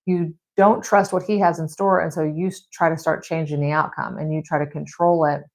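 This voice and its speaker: Woman host, slightly low voice, casual conversational devotional teacher, thinks aloud. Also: fairly even intonation, brisk, creaky. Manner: conversational and reflective, with frequent "like" and "you know"; reads scripture, then comments in her own words. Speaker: Bible study host.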